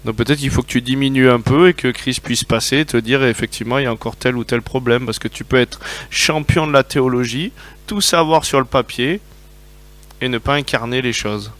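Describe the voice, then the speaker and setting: A man's voice: mid-range voice, a little fast. Guy preaching, tells his own stories, keeps asking the crowd if they agree. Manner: lively storytelling, asks the audience for agreement. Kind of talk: sermon with personal testimony.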